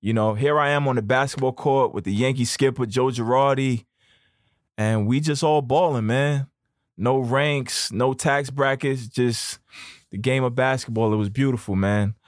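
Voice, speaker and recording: A young man hosting a podcast, telling a story in a casual, slangy, animated way. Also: medium pitch, normal speed, no echo, studio quality. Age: young adult. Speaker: podcast host.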